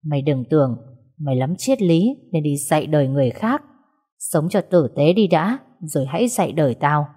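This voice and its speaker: A woman's voice: low-pitched, lively intonation, normal speed, mellow, breathy edge. A woman reading a story, voicing a bitter, proud mother who talks sharply and with scorn. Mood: scornful.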